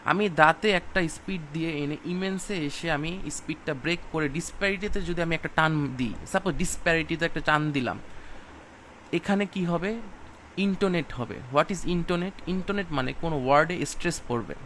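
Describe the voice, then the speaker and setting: A man teaches a recorded exam-prep class, repeating key points and dropping English terms into his explanations. His voice sits somewhat high. A faint hum of passing vehicles runs under the recording. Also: normal speed, a bit bright.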